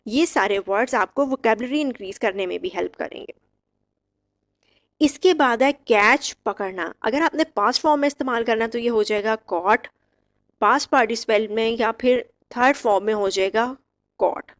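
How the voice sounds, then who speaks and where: Woman slowly drilling English verb forms. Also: fairly high pitch. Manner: slow, drilled word-by-word recitation. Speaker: English teacher. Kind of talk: vocabulary lesson.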